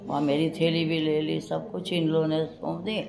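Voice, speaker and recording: An older woman tells her memories in a rambling, personal way and acts out the voices of others. Her voice sits somewhat low. The recording is roomy, with a crowd murmuring behind her. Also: flat delivery, moderate pace, creaky. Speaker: interviewee recalling her past. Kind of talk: personal memoir storytelling. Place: hospital room.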